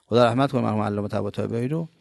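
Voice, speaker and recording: Gravelly-voiced man preaching emphatically. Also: fairly low pitch, dry recording, clean studio sound. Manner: emphatic, rhetorical questions, sudden loud rises then soft asides. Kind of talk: colloquial religious sermon.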